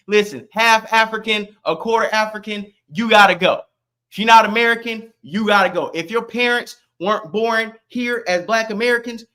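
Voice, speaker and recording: A man's voice: high voice, bright, forceful tone. A man from Florida streaming live, ranting at his chat in a brash, confrontational, mocking way.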